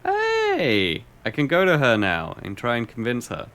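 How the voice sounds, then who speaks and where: A man's voice: mid-range voice, sing-song, fairly quick, a bit bright. A young man casually commenting while he plays a game on stream, wry and rambling, often muttering to himself. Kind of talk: casual let's-play commentary.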